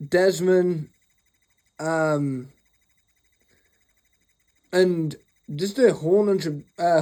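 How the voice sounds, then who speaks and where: A man's voice: high-pitched, dark tone. A young man telling a rambling, sweary storytime rant, sleepy after just waking up. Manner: rambling, swears freely, mocking. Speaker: channel host.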